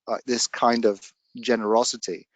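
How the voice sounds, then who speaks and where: A man's voice: medium pitch, level tone, normal speed, dry recording. A man speaking as a guest in casual chat, telling stories in an earnest, reflective way.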